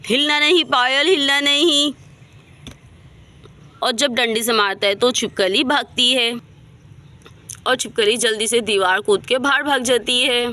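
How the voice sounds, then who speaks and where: A woman narrating a bedtime doll story in a lively, chatty way, and addressing her viewers at the end. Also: on the high side.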